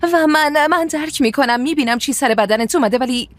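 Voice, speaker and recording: A woman's voice: high-pitched, no echo, close to an everyday voice. A woman dubbing a film role: a worn-down wife and mother, blunt and fed up, pressing with pointed questions. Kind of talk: dubbed film dialogue.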